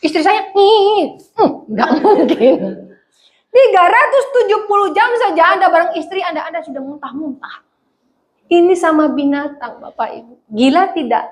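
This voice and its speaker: A middle-aged woman pastor, preaching a lively conversational sermon and acting out voices. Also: extremely high pitch, a little fast. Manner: animated, acts out voices, laughs often.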